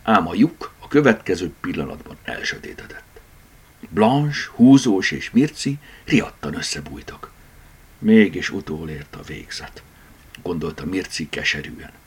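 A man narrating a children's book chapter, expressive and dramatic in his storytelling. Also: sits low, husky. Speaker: audiobook narrator. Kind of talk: scripted narration.

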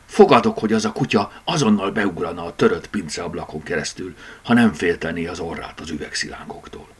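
A man's voice: low voice, slightly rough. A man voicing a curious, determined red tomcat in an audiobook, eager in manner.

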